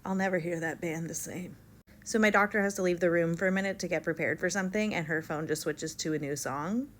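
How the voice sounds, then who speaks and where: A young woman casually telling a story to camera, animated and full of likes, acting out what others said. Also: fairly low pitch, brisk. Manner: animated, quotes others in livelier voices, many likes. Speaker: vlogger telling her birth story.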